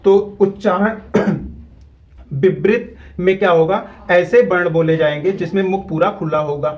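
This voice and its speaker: High-voiced man teaching at a whiteboard. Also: a little mellow, low-quality recording. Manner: repeats key terms slowly for students. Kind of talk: whiteboard grammar lesson.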